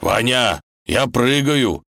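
A man voicing a loyal, flustered talking grey wolf in a storybook reading, hurried in manner. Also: fairly low pitch, sing-song, gravelly, fairly bright tone, dry recording, clean studio sound, pitched above the performer's own voice, heavily acted. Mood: urgent.

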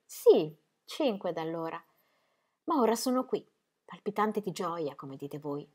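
A woman's voice: fairly low pitch, lively intonation, unhurried, darkish tone, slightly rough. A woman reading the part of an earnest, anxious young pastor's wife with breathless, gushing emphasis. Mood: eager.

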